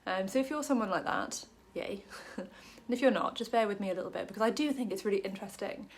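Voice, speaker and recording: This Welsh woman talks fast in a mid-range voice, chatting casually to camera for a Bible study. Her talk is packed with ums and self-deprecating humor.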